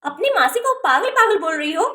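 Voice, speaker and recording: Casting note: a woman playing a strict mom for a doll storybook, high bright voice, stern. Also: big pitch swings, fairly quick, exaggerated voice. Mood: scolding. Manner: scolding, stern. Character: strict scolding mother.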